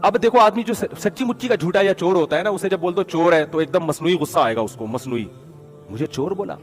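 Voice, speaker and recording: A man's voice: high voice, faint music behind. A man giving moral advice through stories, in a conversational way, often calling his listeners brother. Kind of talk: storytelling advice talk.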